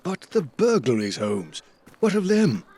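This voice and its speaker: An actor playing Dr. Watson, a loyal, earnest gentleman who narrates and talks in a measured storytelling manner for an audio drama. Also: a little high, sing-song, slight background noise. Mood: puzzled, questioning.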